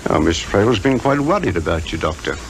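An English actor playing a bluff, joking police inspector with breezy, slangy talk in a 1950s radio drama. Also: male voice, sits low, big pitch swings, a little fast, vocal fry, slight background noise, exaggerated voice. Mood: bluff, puzzled. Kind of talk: 1950s British radio acting. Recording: 1950s radio recording with music behind.

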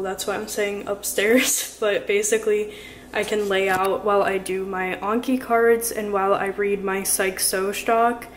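A woman's voice: medium pitch, slight background noise. Chatty young woman vlogging at home. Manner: chatty, uses lots of "like" and "um". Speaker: vlogger studying for a medical school entrance exam. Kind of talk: casual vlog talk to camera. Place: apartment living room, indoors.

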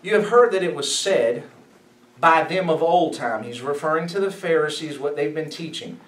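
A man preaching as a pastor, emphatic and animated, asking his listeners questions as he teaches. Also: on the high side, normal speed. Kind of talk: sermon, Bible study teaching. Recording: echoey room, mic at a distance.

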